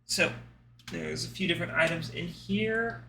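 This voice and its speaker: A man narrating as game master of a tabletop game, describing scenes in an unhurried, descriptive way. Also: on the high side, gravelly, bright, forceful tone, slight background noise.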